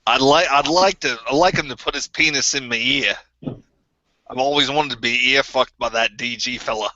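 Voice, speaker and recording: A man's voice: mid-range voice, normal speed, pushed and bright, dry recording. A man putting on a crude, bitter Kiwi-accented guy. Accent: put-on New Zealand. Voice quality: crude, rambling, stammering. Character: bitter, crude ex-group member, adult man. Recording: dull lo-fi recording.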